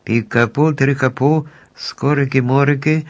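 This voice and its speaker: Guy doing a little girl voice, high, eager, a bit louder, storybook. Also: fairly even intonation, measured pace, close to an everyday voice. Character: brave young girl, eager and polite.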